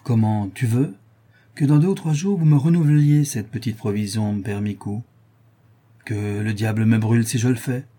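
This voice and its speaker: A nervous older fence mutters in a lowered, subdued voice, as a male narrator puts him on. The dark, husky tone stays grudging and resentful. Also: normal speed, natural voice. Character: fretful older male fence, reluctant and grumbling. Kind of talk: audiobook character voice.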